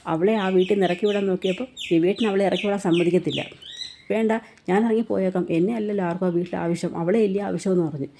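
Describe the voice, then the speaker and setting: വേഗത്തിൽ കഥ പറയുന്ന സ്ത്രീ. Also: female voice, fairly low pitch, warm tone, breathy edge. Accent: Malayali. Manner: fast retelling that voices each character's lines in quotes. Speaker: serial story narrator. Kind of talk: retelling a TV serial episode.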